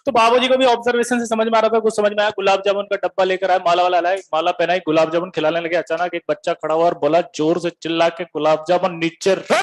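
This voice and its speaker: A man's voice: high voice, flat delivery, fast talker, hardly any pauses. A man from Bihar, a teacher giving a comic classroom lecture, quizzing students and telling stories with animation. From Bihar, India.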